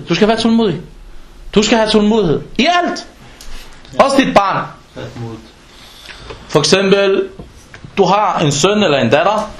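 A man giving an informal sermon in an animated way, acting out everyday exchanges as he preaches. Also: sits high, reverberant. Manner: animated, acts out dialogues in quoted voices.

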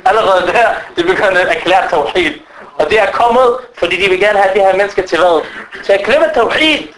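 A man with a high-pitched voice delivering a religious lecture. He tells stories in a lively way and keeps putting rhetorical questions to his listeners. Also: rough recording. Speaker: preacher.

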